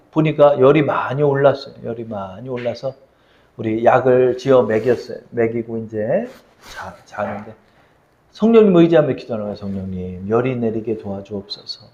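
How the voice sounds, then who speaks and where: Lively storytelling male pastor. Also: medium pitch. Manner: storytelling, acting out voices in prayer and scripture scenes. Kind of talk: sermon. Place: church sanctuary. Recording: echoey room, dull lo-fi sound.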